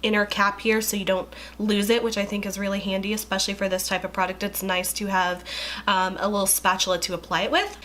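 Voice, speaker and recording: A young beauty vlogger with a mid-range, slightly bright voice sounds stuffy and congested from a cold. She chats casually through a skincare review, full of likes and ums.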